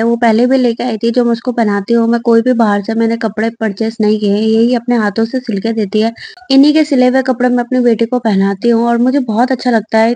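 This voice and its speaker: Young woman vlogger, brisk chatty voice-over, a bit high, dry close mic. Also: warm tone, no echo. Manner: chatty, personal, fond of her baby. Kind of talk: casual vlog voice-over narration.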